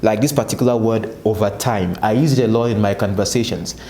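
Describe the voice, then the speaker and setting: Speaking to camera for his channel, a Nigerian man offers political analysis, raising his own rhetorical questions and then answering them. His lowish voice is mellow and fairly quick. The sound is reverberant with a little hiss or hum.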